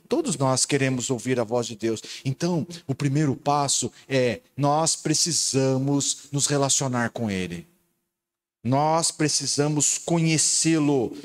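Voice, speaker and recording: A middle-aged man with a Brazilian Portuguese accent, preaching a lively sermon and playing a game with his congregation. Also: medium pitch. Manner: playful, laughing, animated. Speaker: pastor.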